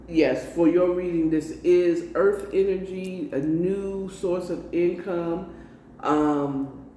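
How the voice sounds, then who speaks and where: An American woman with a low, dark-toned voice does a casual tarot card reading, coaxing emphatically, repeating herself, and often checking in with the listener. The mic is distant in a roomy space, with faint noise.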